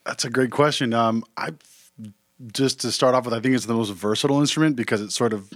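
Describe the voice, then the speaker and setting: A man's voice: medium pitch, fast talker, no room sound, clean studio sound. A man playing viola as a guest, explaining his instrument in an easygoing way. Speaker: violist guest.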